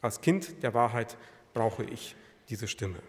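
A man preaching a sermon to his congregation, swinging between loud emphatic peaks and quiet low phrases and repeating lines for emphasis. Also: animated, slow pace. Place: church hall. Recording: long hall reverb.

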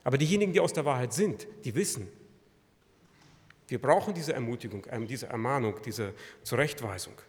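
German-speaking preacher in a reverberant hall. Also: male voice, expressive, normal speed. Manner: swings between loud emphatic peaks and quiet low phrases; repeats and restates phrases for emphasis. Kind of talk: sermon. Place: church hall.

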